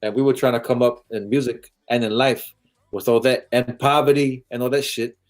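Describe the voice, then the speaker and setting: A man who grew up in Samoa hosts an easygoing chat at a middle pitch. He tells stories in a loose, swearing, laughing way. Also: steady tone, moderate pace, slight background noise. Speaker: podcast host reading live-stream comments. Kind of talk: casual chat and storytelling.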